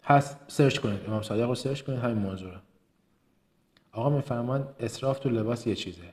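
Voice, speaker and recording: This motivational business lesson comes from a trainer from Kerman, Iran, who has a slight Kermani Persian accent. His voice is medium-pitched and darkish. Emphatic throughout, he repeats words to stress them and rattles through lists.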